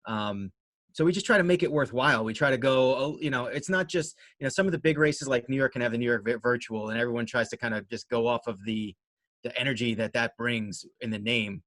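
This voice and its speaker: A man's voice: mid-range voice, brisk, a bit bright, dry recording. A man answering interview questions casually as a guest, in a rambling, self-deprecating way. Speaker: interview guest, amateur runner and race organizer.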